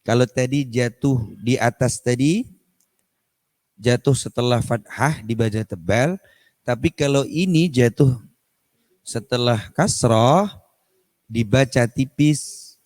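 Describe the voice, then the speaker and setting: A man teaching Quran recitation in an online class, speaking slowly, repeating each example to show how the sounds are pronounced, and slipping Javanese politeness words into his explanations. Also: medium pitch, darkish tone, no echo, studio quality. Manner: slow, repeats examples to demonstrate pronunciation. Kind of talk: tajwid lesson with chanted recitation. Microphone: online session microphone.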